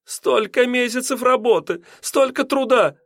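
A man voicing a fussy, proper middle-aged landlady who scolds in a shrill, exclamatory voice. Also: a little slow, a bit bright, dry recording, studio quality, heavily acted. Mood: wailing.

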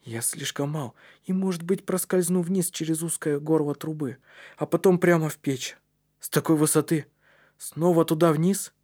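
Man voicing a small scared boy, raised pitch, soft and strained, storybook. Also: fairly even intonation, moderate pace, close to an everyday voice. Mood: fearful. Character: small frightened boy, anxious.

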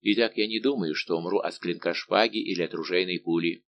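A man voicing a big, good-natured, simple-minded old musketeer baron, talking slow and booming. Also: lo-fi sound, slight background noise. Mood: hearty.

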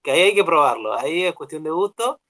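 A man's voice: a little high, quick pace. Laid-back Argentine radio co-host, man. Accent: Argentine Spanish. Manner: rambling, relaxed, many fillers. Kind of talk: casual radio chat.

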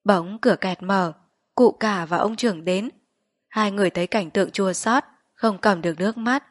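A woman narrating a literary short story in a measured, steady reading voice. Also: mid-range voice, dry recording.

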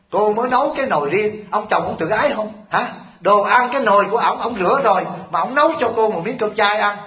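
High-voiced monk preaching in an echoey hall. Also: male voice. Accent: Vietnamese. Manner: animated, scolding storytelling with rhetorical questions to the audience. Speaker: Buddhist monk teacher. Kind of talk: dharma talk sermon. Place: temple hall. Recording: echoey hall, dull lo-fi sound.

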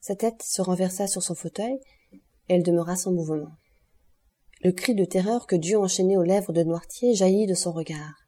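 A woman narrating a classic novel as an audiobook, reading at a measured, steady pace. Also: lowish voice.

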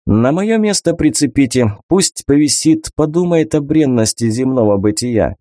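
A curt, sardonic young male army officer, as the male reader plays him. His tone is dark and mellow. His pitch moves freely. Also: lively intonation, moderate pace, no room sound, clean studio sound, lightly acted.

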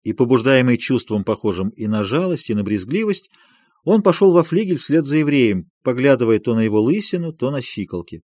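Male audiobook narrator, husky tone, animated intonation. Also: medium pitch, no room sound. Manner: expressive, measured reading. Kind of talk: scripted literary narration.

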